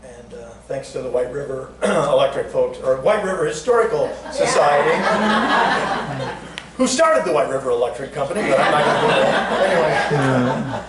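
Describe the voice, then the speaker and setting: A man's voice: on the high side, lively intonation, moderate pace, crowd noise. An older man telling chatty, jokey stories to a live audience at a museum talk, raising his voice when he acts out what others said. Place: museum event room. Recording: echoey room, distant mic, noisy background.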